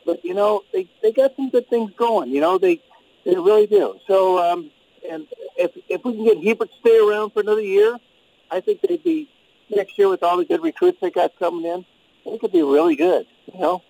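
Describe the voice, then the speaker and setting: An older man from St. Louis, in his sixties, calls in on speakerphone to a talk show. His voice sits high for a man, and he rambles along in a friendly way, full of ums and you-knows. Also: very animated, moderate pace, creaky, warm tone, poor audio. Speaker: radio call-in caller. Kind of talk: casual call-in chat. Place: outdoors in a swimming pool.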